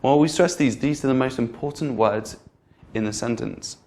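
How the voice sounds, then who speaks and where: A man at an ordinary middle pitch leads an online English pronunciation lesson. He talks patiently and says his example phrases slowly so that the stressed words stand out. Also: a little mellow. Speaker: English teacher.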